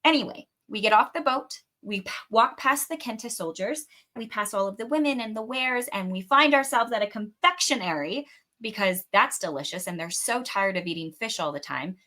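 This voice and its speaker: A woman's voice: medium pitch, animated, moderate pace, pushed and bright. A young adult woman hosting a book podcast, chatting casually through a chapter recap with her own theories and the occasional swear word.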